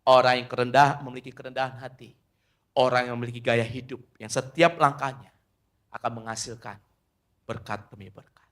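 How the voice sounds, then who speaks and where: A middle-aged male pastor preaches with a medium-pitched, steady voice at a slightly quick pace. He alternates between loud, emphatic lines and quiet asides, frequently calling his listeners "saudara."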